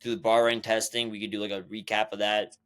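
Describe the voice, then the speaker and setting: Fast-talking, excitable man in casual chat. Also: lowish voice, clear, resonant tone. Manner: excitable, repeats phrases, slangy. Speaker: podcast co-host.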